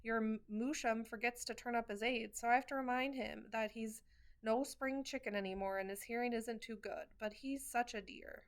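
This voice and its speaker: A fussy old grandmother, as a woman reads her lines, bossy yet doting. Her voice sits fairly high, in the same storybook telling as the narration. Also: steady tone, moderate pace, clear, resonant tone, natural voice. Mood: scolding.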